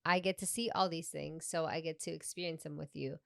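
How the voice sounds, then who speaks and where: A woman's voice: low voice, a little fast, vocal fry, no room sound, clean studio sound. A young woman from Peru co-hosting a casual comedy podcast. She tells stories with lots of animation, laughs often, and drops into Spanish mid-sentence. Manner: animated storytelling, switching between English and Spanish, frequent laughs. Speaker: podcast co-host and stand-up comedian.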